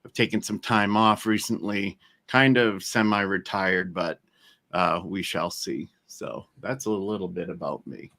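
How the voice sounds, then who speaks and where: A man with a very deep voice that still has a bright, forceful edge explains web standards as a stream guest. He talks at an easy pace, with fillers and restarts. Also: a little slow. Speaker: guest, accessibility expert. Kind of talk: casual chat on a live stream.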